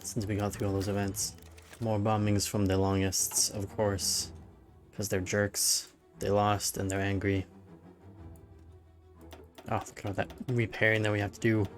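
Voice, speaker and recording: Low-voiced man streaming a strategy game. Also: level tone, normal speed, long pauses, soft background music. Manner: musing, thinking aloud with murmured hmms. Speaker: gaming streamer. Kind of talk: casual live-stream commentary while playing a strategy game.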